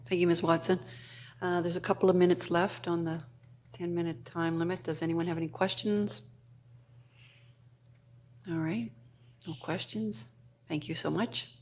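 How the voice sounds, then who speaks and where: A woman's voice: fairly low pitch, steady tone, normal speed, long pauses, slight background noise. A woman chairing a city council public hearing, running procedure plainly.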